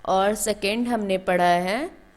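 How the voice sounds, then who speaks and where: A woman's voice: medium pitch, slow pace. Woman teacher explaining step by step. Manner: explains step by step, asks and answers own questions; calls students "beta". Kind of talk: classroom grammar lesson.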